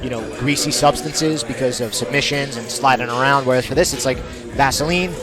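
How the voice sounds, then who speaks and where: A man with a mid-pitched voice offers fight analysis as a color commentator. He talks rapidly in a conversational way. Music is clearly audible behind him.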